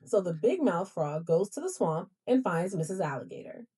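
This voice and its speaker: A synthetic-sounding female assistant voice with a lively, rising and falling pitch and a mellow, darker tone. She answers in a polite, accommodating way, with a slight husky edge to the sound. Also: moderate pace. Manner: polite, accommodating, formal address. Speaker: smart home voice assistant. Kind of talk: assistant replies.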